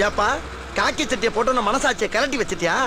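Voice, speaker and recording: A blustering comic constable. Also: male voice, very high voice, expressive, quick pace. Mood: preaching. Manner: blustering, swings to tearful sentiment. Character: boastful soft-hearted comic police constable, middle-aged man. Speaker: head constable. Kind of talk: comic film dialogue.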